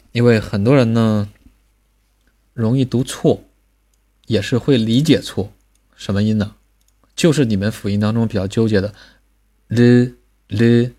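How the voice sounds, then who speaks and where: Man, somewhat low voice, patient teacher, recorded pronunciation lesson. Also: a little mellow. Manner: patient, drills sounds slowly with repetition.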